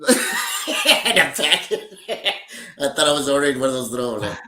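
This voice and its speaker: A man chatting as a podcast co-host, unhurried and jokey, with a lot of giggling. His pitch is mid-range but moves around a lot. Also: sing-song, sharp tone. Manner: joking, slow, giggly. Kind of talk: casual chat.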